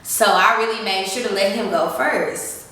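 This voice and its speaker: A woman's voice: mid-range voice, moderate pace, pushed and bright. A woman, chatting casually and giggling while she answers follower questions beside her partner. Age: 20s. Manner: chatty, giggly, says y'all. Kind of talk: casual chat. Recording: echoey room, mic at a distance.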